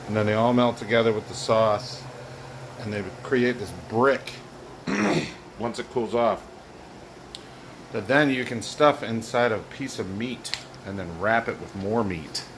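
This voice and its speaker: In his home kitchen, a man films a cooking video, his lowish voice moving a little slowly. He rambles casually through the cooking, giggly, loose, and tipsy, while air conditioning hums clearly in the background.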